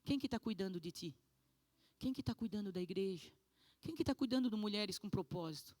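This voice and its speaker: A woman pastor voicing God as a gentle, fatherly figure, softly and tenderly. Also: medium pitch, expressive, fairly quick, dry recording, close to an everyday voice. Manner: soft, tender, quieter. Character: gentle fatherly God speaking to his daughter.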